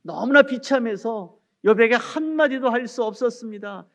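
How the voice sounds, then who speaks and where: Man, pastor, sermon, earnest, addresses the congregation, high voice. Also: normal speed, fairly bright tone.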